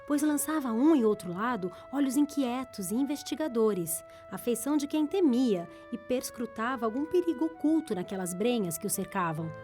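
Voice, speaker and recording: Woman audiobook narrator, steady measured delivery, faint music bed. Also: on the high side.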